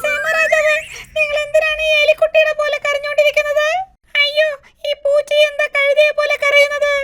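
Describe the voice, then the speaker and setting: An actor voicing Pappu, an excitable and dramatic young male cartoon character who exclaims and frets loudly. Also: extremely high pitch, brisk, over loud music. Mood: excited. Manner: exclaiming, fretful and loud. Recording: loud background noise.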